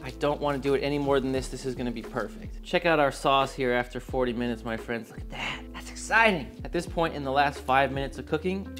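A man's voice: mid-range voice, fast talker, hardly any pauses, a bit bright, faint music behind. A man in his thirties hosting a home cooking tutorial in a kitchen, enthusiastic with playful asides. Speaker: cooking show host.

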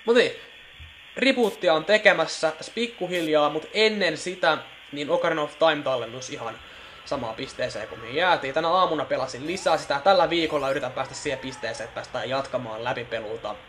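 A man's voice: fairly high pitch, a bit bright, a little hiss or hum. A young man giving casual commentary as he plays a horror game, joking, swearing and mocking the scares. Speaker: let's play gamer. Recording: faint music in the background.

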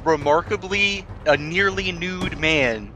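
Running a tabletop RPG as game master, a man cracks jokes, curses freely and laughs a lot. His voice sits on the high side, bright and forceful, and he speaks slowly while music plays behind him.

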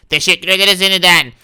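A man's voice: sits high, clear, resonant tone. A man voicing grateful male villagers in a block-building game who thank and honor their rescuer. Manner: warm, thankful, calls people brother.

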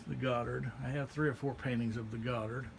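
Speaking fairly quickly in a mid-range voice with vocal fry, an artist narrates a casual walk through a small gallery. He's relaxed and folksy, singling out the paintings one by one. Background noise comes through on the handheld phone camera recording.

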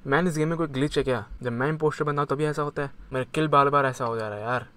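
A young man giving chatty, excitable commentary on his game, mixing Hindi and English. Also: fairly high pitch, racing, clear, resonant tone. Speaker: gamer. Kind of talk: casual gaming commentary.

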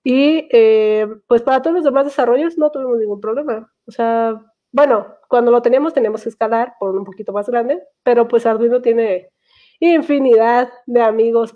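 Woman with Mexican accent on a tinny call. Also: a little high. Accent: Mexican Spanish. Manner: chatty, laughs easily, quick bursts. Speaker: guest speaker. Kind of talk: casual online talk. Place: small room at home. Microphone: headset. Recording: tinny video call audio.

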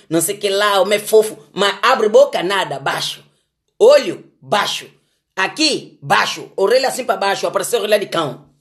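A man with a rather high voice rants casually about life lessons. He repeats his points emphatically and keeps asking his listeners if they understand. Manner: repetitive, emphatic, chiding, rhetorical questions. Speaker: vlogger giving life advice. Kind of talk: casual motivational rant.

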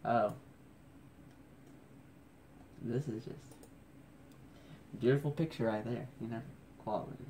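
Man, hushed home vlog, rambling, self-mocking, mid-pitched voice. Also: steady tone, normal speed, a little hiss or hum. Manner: hushed, keeping his voice down. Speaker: vlogger. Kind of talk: casual photo-scrolling commentary. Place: at home indoors at night.

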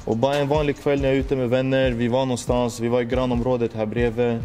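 A man's voice: medium pitch, flat delivery, warm tone, faint music behind. A young man, earnestly reflecting on his life in a personal monologue, full of street slang and "du vet" fillers. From Sweden. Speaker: musician telling his story.

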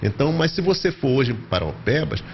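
A middle-aged man explaining things as a geologist in an office interview, pausing now and then, into a handheld mic. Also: medium pitch, very animated, muffled recording, a little hiss or hum. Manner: explanatory, with hesitations. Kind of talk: interview answer. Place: office with bookshelves.

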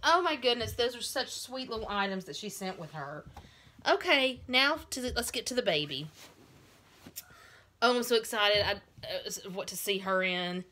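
A woman's voice: medium pitch, expressive, normal speed, pushed and bright. A woman in her thirties at home, casually unboxing a doll for a vlog and gushing over each tiny item. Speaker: doll collector vlogger. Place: at home with cat and child nearby.

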